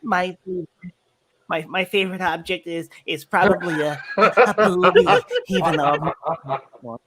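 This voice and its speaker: A painfully shy man making a dating video, as a man puts him on, stammering slowly through every answer. He keeps trailing off into hesitant, halting fillers. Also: high voice, a loud crowd. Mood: awkward. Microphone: video call.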